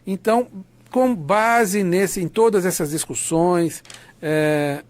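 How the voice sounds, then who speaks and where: Leading a university short course on academic writing, a Brazilian man with a fairly high voice explains things slowly in an informal, conversational online lecture. He is didactic and keeps seeking confirmation with tag questions to make sure students follow.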